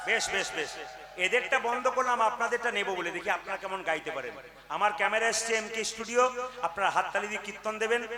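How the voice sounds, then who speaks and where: A man leading a devotional kirtan gathering, preaching and calling the crowd to chant with him, coaxing them louder with playful asides. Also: high voice, fairly quick. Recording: live music with tabla behind.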